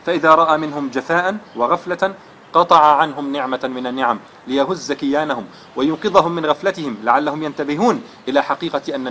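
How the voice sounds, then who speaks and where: A man's voice: mid-range voice, sharp tone, slight background noise. A man giving a religious lesson, telling a moral story in an earnest, dramatic way. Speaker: religious lecturer.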